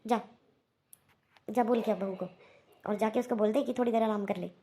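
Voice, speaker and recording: A woman's voice: medium pitch, steady tone, normal speed, mellow, slight background noise, natural voice. A woman voicing a firm, wise older aunt in a cartoon, who urges and coaxes her family with short commands. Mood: urging. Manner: urging, coaxing commands. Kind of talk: Hindi cartoon voice acting.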